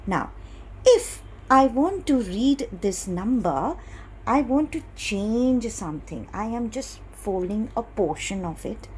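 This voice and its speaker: Woman teacher, Indian English accent, middle-aged; lively, patient, drawn-out delivery for young pupils. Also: on the high side, slight background noise. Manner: slow, patient, sing-song teacher talk, stretching key words. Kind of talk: online class lesson for young children.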